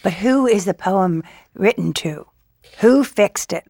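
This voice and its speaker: A woman hosting an interview, speaking slowly and with emphasis. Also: mid-range voice, lively intonation, vocal fry, darkish tone, dry recording, clean studio sound. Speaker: host. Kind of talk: radio-style interview.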